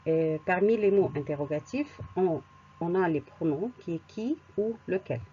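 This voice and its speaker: A woman teaching a grammar lesson, explaining rules slowly with spoken examples and occasional hesitant fillers. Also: on the low side, animated, mellow, highs cut off, a little hiss or hum. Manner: slow and deliberate, repeats words, hesitant fillers. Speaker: French teacher.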